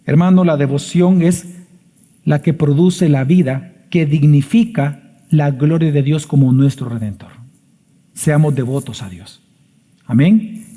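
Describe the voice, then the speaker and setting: A man's voice: a little high, mellow. A man, a pastor preaching an emphatic sermon full of rhetorical questions in a church sanctuary. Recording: long church reverb.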